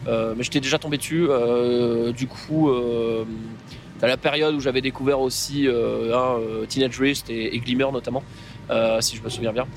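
A man's voice: medium pitch, moderate pace, a little hiss or hum. A French man talking casually and hesitantly from inside a car. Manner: hesitant, relaxed. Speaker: podcast co-host.

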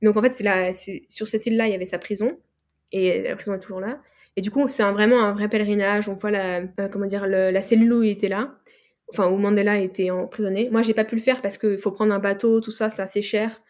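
A young woman from France chats as a podcast guest, her voice sitting at an ordinary middle pitch. She rambles through her stories, circling back with frequent fillers and restarted phrases. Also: steady tone, fast, a little mellow. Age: young adult. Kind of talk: casual interview chat.

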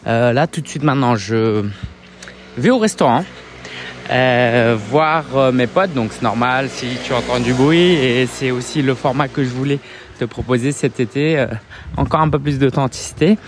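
A French man in his thirties, speaking with a French accent at medium pitch and normal speed, talks casually to camera as a business coach. The vlog monologue is hesitant and chatty, packed with fillers, with background noise behind him.

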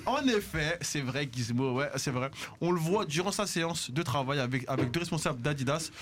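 Belgian male radio host, quick and a bit high, joking chat between news bits. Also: lively intonation, fairly bright tone, a little hiss or hum. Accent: Belgian French. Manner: joking, reads news items quickly with fillers. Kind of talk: casual hip hop radio chat. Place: radio studio.

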